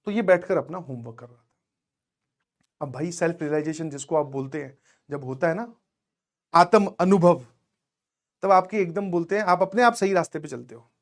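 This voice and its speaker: A man's voice: fairly high pitch, normal speed, long pauses. A man teaching and motivating students in a casual storytelling way, often checking in with his listeners and mixing in English words. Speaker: coaching teacher.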